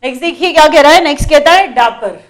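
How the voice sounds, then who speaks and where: A woman's voice: sits high, expressive, quick pace. A woman teacher runs an exam-prep vocabulary lesson. She drills each word over and over in a patient, repetitive way and calls her students children.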